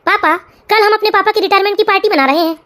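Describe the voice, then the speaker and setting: A woman's voice: very high-pitched, racing, pushed and bright. A woman voicing a grown son, a caring young engineer in a cartoon family story, reassuring and lecturing. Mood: earnest.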